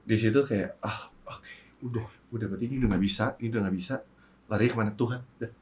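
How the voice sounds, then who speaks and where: A man guest on an interview show, speaking in a halting, reflective way and trailing off as he recalls. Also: lowish voice, darkish tone. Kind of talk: candid casual chat.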